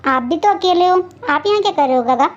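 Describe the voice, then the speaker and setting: Woman doing a little boy, high voice, soft and innocent, dull lo-fi sound. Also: expressive, a little fast, soft background music. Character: sweet lonely five-year-old boy. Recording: dull lo-fi recording.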